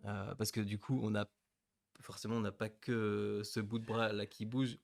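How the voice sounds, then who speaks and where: A man co-hosting a webinar, explaining at a hesitant pace with many pauses and fillers. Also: lowish voice, level tone, creaky, no room sound. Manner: hesitant, full of fillers and restarts, laughs easily. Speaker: co-host of a company webinar. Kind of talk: casual webinar chat.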